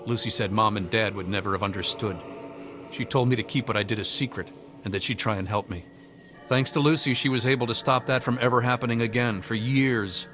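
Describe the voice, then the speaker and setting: In video game dialogue, an actor plays an earnest, troubled young man haunted by hunger, confiding hesitantly in a reflective mood. His natural, medium-pitched voice is brisk, with music and some background noise behind it.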